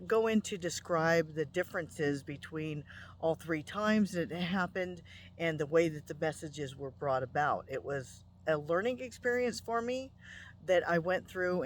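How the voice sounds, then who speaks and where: A woman's voice: on the low side, a little hiss or hum. A middle-aged woman hosting a spiritual channel, telling a personal story in a casual, conversational way, with frequent ums and restarts.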